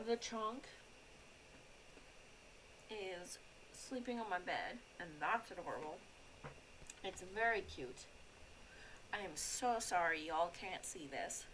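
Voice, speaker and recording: A woman's voice: on the low side, animated, slow, pauses often, fairly bright tone, slight background noise, low-quality recording. Chatty young woman streaming a game. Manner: rambling, chatty, lots of "like" and restarts. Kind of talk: casual live-stream chatter while gaming.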